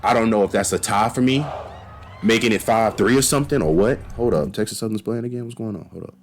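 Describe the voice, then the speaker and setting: A man giving casual, animated reaction commentary on a marching band battle, talking slangy and straight to his viewers. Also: lowish voice, fast talker, a little hiss or hum.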